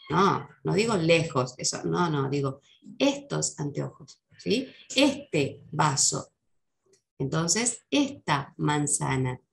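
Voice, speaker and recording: Unhurried woman teacher with gravelly voice. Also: deep voice. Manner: patient, slows down to model English words. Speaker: English teacher. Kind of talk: lesson explaining English for Spanish speakers.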